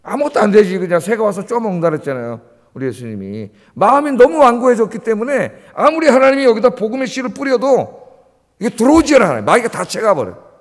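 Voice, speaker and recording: A man's voice: high voice, very animated, fast. A man preaching an early-morning sermon in a church, emphatic, firing rhetorical questions at the congregation. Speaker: pastor. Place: church sanctuary. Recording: long church reverb.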